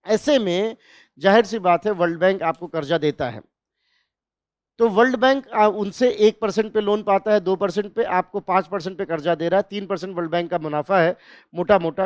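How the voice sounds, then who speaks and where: A man teaching an exam revision class, posing questions and answering them, repeating key terms slowly. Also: high voice, no room sound, clean studio sound. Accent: Hindi. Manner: explanatory, asks and answers own questions.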